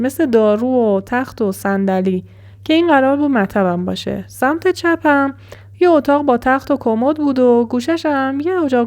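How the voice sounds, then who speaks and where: A woman narrating a first-person horror story in an even, measured way as storyteller. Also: high voice.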